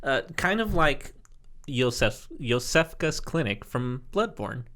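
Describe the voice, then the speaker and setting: A man's voice: mid-range voice, very animated, takes it slowly, fairly bright tone. An American man presenting a topic on a casual podcast, hesitant and full of fillers, often breaking into laughter. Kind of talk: casual explanation.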